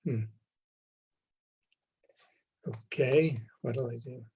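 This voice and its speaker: A man heard over a video call as an interview guest, his voice mellow and warm. He speaks calmly and evenly, taking his time with each answer. The sound carries the slight thinness of a remote link. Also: mid-range voice, extremely slow, slightly rough. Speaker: head of a theater company.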